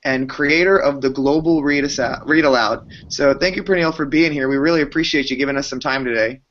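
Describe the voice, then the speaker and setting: A man's voice: medium pitch, a little fast, a bit bright. A man hosting an interview, introducing his guest and asking friendly, polite questions. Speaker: interview host. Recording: slightly dull lo-fi recording.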